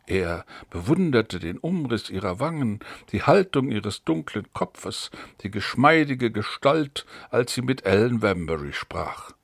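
Male audiobook narrator, lively intonation, dry close sound. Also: on the low side, a little slow, vocal fry, few pauses, no room sound. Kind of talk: scripted narration.

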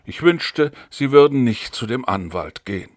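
Calm, measured police officer in a storybook reading, expressive pitch, voiced by a man. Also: dry recording, studio quality, close to an everyday voice. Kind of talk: audiobook dialogue reading.

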